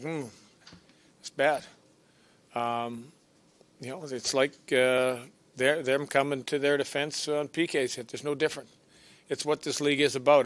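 An older man, a hockey coach, answering at a press conference in a halting, loose way with many fillers, speaking into a podium mic. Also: mid-range voice, a bit bright, dry recording. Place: press room.

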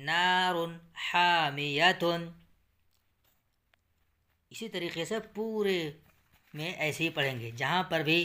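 A man teaching Quran reading step by step, explaining a rule and then sounding out syllables slowly, with patient repetition of the key terms. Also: a little high, bright, forceful tone. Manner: explains a rule, then drills it with slow, drawn-out syllable recitation. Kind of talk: step-by-step recitation lesson.

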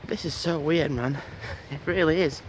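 Young man, fairly high voice, rambling walk-and-talk vlog, faint street hum behind. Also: unhurried, low-quality recording. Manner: rambling, chatty, talks to the camera while walking. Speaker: vlogger. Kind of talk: casual walking vlog. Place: outdoors on a quiet street before dawn.

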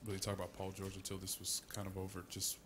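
A man's voice: deep voice, monotone, fast talker, background noise. A male sports reporter asking multi-part questions at a press conference.

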